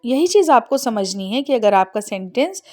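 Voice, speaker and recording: A woman's voice: on the high side, very animated, a little mellow. Patient Indian woman teaching English. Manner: patient, explains step by step and repeats examples slowly. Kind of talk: spoken language lesson.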